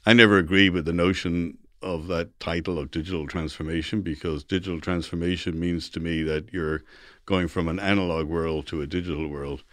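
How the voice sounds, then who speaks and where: A man's voice: low voice, fairly even intonation, brisk, no echo, clean studio sound. A middle-aged or older man with a Dublin Irish accent, speaking as an interview guest in a conversational, storytelling way, acting out dialogue and repeating phrases for emphasis. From Dublin, Ireland. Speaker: interview guest, technology executive.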